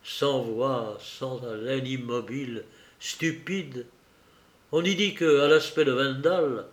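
A man reads a novel aloud at a slow, measured pace, with dramatic pauses. His voice sits in the middle range. The room around him is echoey. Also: mid-range voice. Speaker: audiobook reader. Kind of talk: novel reading.

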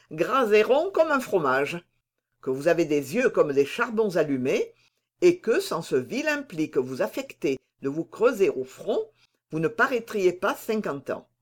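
Brief: male reader doing a jovial bold musketeer captain, pitched up, animated delivery. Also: full character voice. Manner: hearty, teasing, exclaiming. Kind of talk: audiobook reading.

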